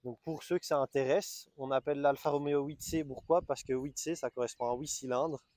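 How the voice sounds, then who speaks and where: A man's voice: mid-range voice, fairly even intonation, brisk, darkish tone, no room sound. A man with a Belgian French accent, presenting a car in a casual, enthusiastic walkaround with frequent restarts. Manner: enthusiastic, chatty, hesitant restarts. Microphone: small camera-mounted mic.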